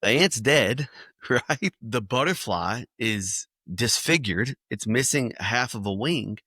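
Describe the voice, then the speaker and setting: A man, a children's ministry speaker, telling lively illustrative stories in a podcast interview. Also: medium pitch, slow pace, no echo, clean studio sound. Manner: animated storyteller acting out scenes.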